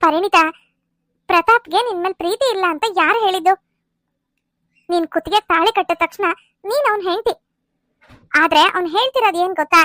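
A calm elder sister-in-law in a cartoon soap who lectures in a soothing, lower voice, as a woman puts her on. She sounds close and dry, with no room around her. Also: a little fast, pauses often, no echo. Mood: advising. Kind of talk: cartoon serial voice acting.

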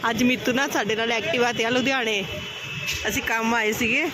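A woman's voice: fairly high pitch, steady tone, moderate pace. Young woman vlogging, chatty, lots of noise around. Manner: chatty, coaxing. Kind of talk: casual vlog chat.

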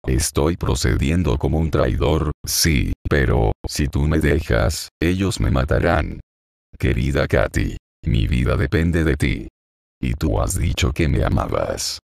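A man's voice: rumbling low, expressive, unhurried, gravelly, a little mellow, no echo, studio quality, heavily acted. A man voicing a frail, frightened teenage boy who pleads tearfully, in a storybook reading. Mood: pleading, fearful.

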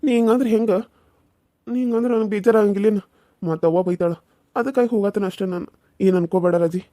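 A woman voicing a gentle young village husband in a cartoon serial. He pleads softly and apologetically. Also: medium pitch, quick pace, close to an everyday voice. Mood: apologetic. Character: gentle young village husband, torn between two wives.

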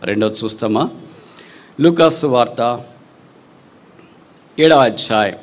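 A male preacher delivering a sermon in a mid-pitched voice. He rises into loud, high runs, then drops to a soft, low tone. He fires off rhetorical questions and slips English phrases into his preaching. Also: takes it slowly. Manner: animated, with big swings between loud high and soft low passages.

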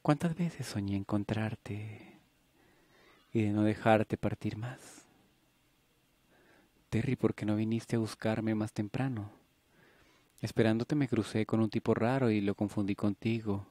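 A man's voice: lowish voice, unhurried, long pauses, dark tone, no echo. A man voicing a bubbly, impulsive young woman nurse in an audiobook, alternating teasing and wistful tones.

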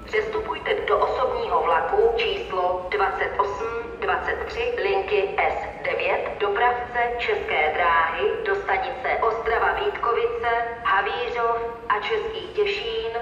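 A woman making formal, measured, segmented railway station announcements. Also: medium pitch, recorded from a distance, soft background music. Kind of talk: scripted public address announcement. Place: large station, over public address. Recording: muffled, echoing station loudspeaker from afar.

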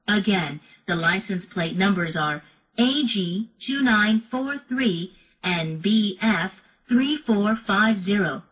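A woman making an emergency announcement over the intercom, slowly and deliberately repeating the key details. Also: medium pitch, fairly bright tone. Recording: dull lo-fi recording from a distance.

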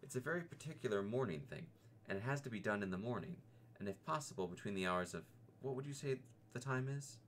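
A man voicing Piglet, a small timid male piglet who talks in a squeaky, nervous and hesitant way in a storybook reading. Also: animated, fast, a little hiss or hum, lightly acted. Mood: flustered.

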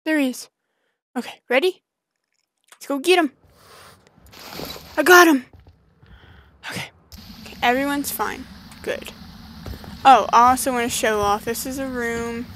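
Woman gaming host, bright and chatty, higher voice, unhurried delivery, excitable commentary. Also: a little hiss or hum, poor audio. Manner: chatty, excitable, talks to the game creatures. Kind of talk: casual gameplay commentary.

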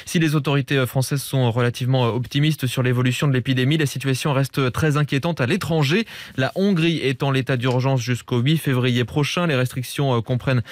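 A man's voice: medium pitch, fairly even intonation, brisk, no room sound. A young man with a Parisian French accent delivers a scripted news bulletin as a radio newsreader, close to a studio microphone. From Île-de-France, France. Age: young adult. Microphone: close studio microphone, with headphones.

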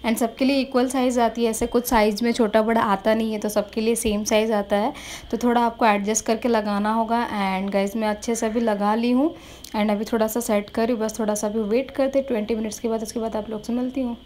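A woman's voice: fairly high pitch, little pitch movement, a little fast, darkish tone, slight background noise. A young woman vlogging a beauty product review while wearing a sheet mask, chatty and mixing English into her speech. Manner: chatty, mixes English into Hindi, keeps saying "guys". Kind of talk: casual product review vlog.

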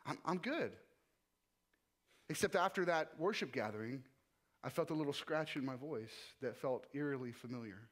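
A man's voice: mid-range voice, brisk. A young man, a worship leader, telling his own story during a sermon in a casual, conversational way with frequent restarts. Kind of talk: personal testimony in a sermon. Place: church.

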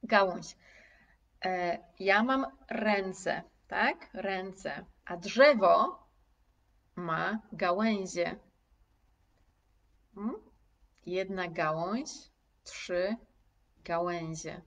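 A woman teacher giving a live online lesson, drawing out every word at a very slow, deliberate pace. She articulates each sound with care and repeats words for her students. Her voice sits a little back from the mic. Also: on the low side, gravelly, recorded from a distance, highs cut off. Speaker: language teacher. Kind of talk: live online lesson, reading chat comments aloud.

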